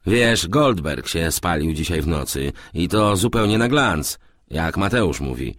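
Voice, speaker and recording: A man voicing a grumbling, sleepless young merchant who talks quickly in an audiobook. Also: deep voice, lively intonation, fairly bright tone, no room sound, clean studio sound, exaggerated voice.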